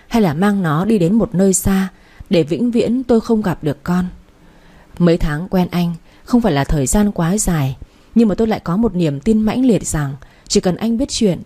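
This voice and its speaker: A woman reads a first-person story aloud in a steady, emotional way. Her voice sits low, husky and mellow. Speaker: narrator.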